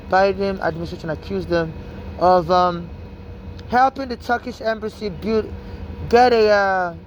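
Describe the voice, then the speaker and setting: Poor audio with slight background noise carries a Nigerian woman's mid-range voice. She talks urgently in a Nigerian-American accent, rambling on the street with many restarts and "you know."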